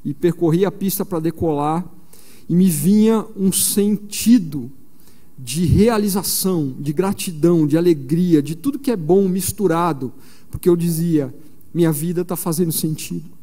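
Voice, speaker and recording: Recorded amid the lingering reverb of a large church hall, a Brazilian man in his forties from São Paulo preaches to a missionary conference. His pitch is slightly high, his tone warm, and his pace moderate as he tells stories conversationally, leaning on plenty of fillers.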